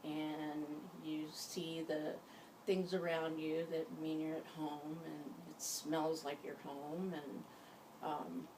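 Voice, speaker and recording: A woman leading an informal guided hypnosis session, giving gentle instructions in a halting way. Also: deep voice, little pitch movement. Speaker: hypnosis practitioner. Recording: distant mic, faint background noise.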